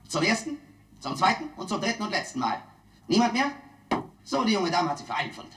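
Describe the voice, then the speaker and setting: Film auctioneer, smooth sales patter, chanting bids over and over in an echoey room. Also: male voice, high voice, fairly bright tone. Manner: repetitive auctioneer calling of bids. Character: smooth-talking London auctioneer hawking antiques to bidders.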